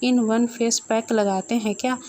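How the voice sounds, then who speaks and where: Goofy scared young guy full of dumb jokes woman reading him, lightly high voice. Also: fairly even intonation, mellow, a little hiss or hum. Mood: joking. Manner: goofy, quick with silly jokes. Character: jokey cowardly young man, wisecracking.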